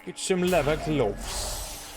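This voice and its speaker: A man's voice: on the high side, lively intonation, slow, noisy background. A man hosting a gameplay video with casual commentary, musing to himself as he plays. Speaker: gaming video host. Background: loud game music.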